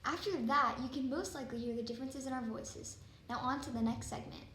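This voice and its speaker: A woman's voice: high-pitched, brisk, fairly bright tone, echoey room, a little hiss or hum. A woman hosting a casual home video show, explaining things in a chatty way. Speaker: host.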